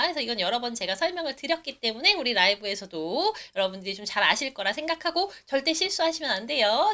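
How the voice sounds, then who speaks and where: A Korean woman teaching a live online English test-prep lesson. She coaxes her viewers along and repeats English phrases slowly for drills. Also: high voice, pushed and bright. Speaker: TOEIC English instructor.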